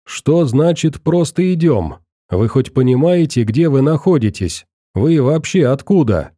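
A man voicing a pompous, fussy male station boss who talks in a shrill, indignant, bossy way. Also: sing-song, moderate pace, mellow, no room sound, studio quality.

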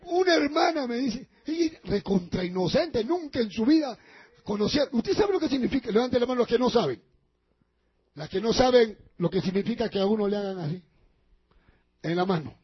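Male pastor preaching, raspy high voice, emphatic, dull muffled recording. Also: animated, brisk. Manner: emphatic, repeats and addresses listeners as brother. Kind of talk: sermon.

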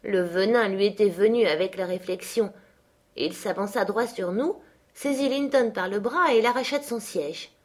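Woman reading a classic novel. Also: mid-range voice. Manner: measured, expressive reading. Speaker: audiobook reader. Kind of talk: literary audiobook narration.

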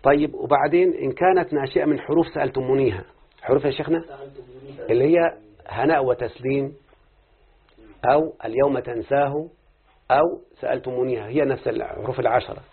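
Brief: fast-talking Egyptian sheikh teaching grammar, husky voice, tinny phone-like sound. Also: male voice, medium pitch. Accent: Egyptian Arabic. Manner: lively, constantly quizzing students with rhetorical questions. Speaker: teacher of Arabic morphology. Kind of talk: classroom lesson.

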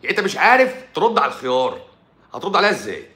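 An Egyptian man, a doctor hosting his own live stream, talking in an animated, sarcastic monologue and repeating points for emphasis. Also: on the high side, racing, echoey room. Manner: sarcastic, mocks critics in a playful tone; repeats himself for emphasis with frequent stumbles.

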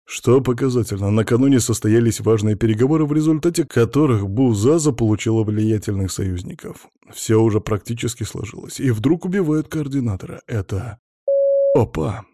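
A man's voice: mid-range voice, animated, a little fast, warm tone, dry recording, studio quality, natural voice. Man voicing a blunt, patronizing older boss. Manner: folksy, patronizing reassurance.

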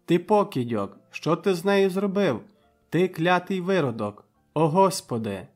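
A man voicing a desperate, frightened captive man who shouts and pleads in panic, in an audiobook reading. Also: medium pitch, very animated, unhurried, faint music behind. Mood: panicked.

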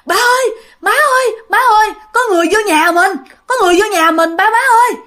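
A woman's voice: very high voice, animated, brisk, pushed and bright, pitched above the performer's own voice, full character voice. A woman voicing a frightened young girl calling for her parents in a ghost story. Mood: panicked. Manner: panicked pleading. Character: frightened little girl, youngest of three sisters.

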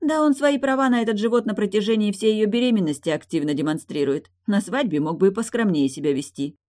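A woman's voice: medium pitch, darkish tone, pitched above the performer's own voice, close to an everyday voice. A woman voicing a stubborn, teasing young wife and new mother in an audiobook, raised well above her own voice. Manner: quick-tempered, teasing.

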